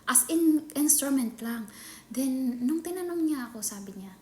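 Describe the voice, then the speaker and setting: A Filipino woman chatting casually in a vlog, often dropping into a hushed whisper. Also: high-pitched, animated, a little slow. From Philippines. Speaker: nanny vlogger. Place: employer's home. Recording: echoey room with faint ambient noise.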